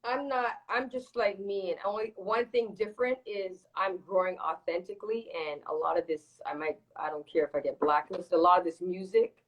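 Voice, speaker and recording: A singer-songwriter from Toronto, Canada, speaks as an interview guest in a fairly low voice, candid and casual, restating her points emphatically. The recording sounds muffled.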